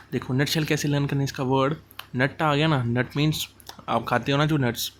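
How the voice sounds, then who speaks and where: Blending Hindi with English, a man casually walks students through exam idioms, clarifying each meaning with familiar examples from daily life. His pitch is unremarkably middle-range, and he eases his pace whenever he reaches English phrasing. There's a light hiss of noise in the background.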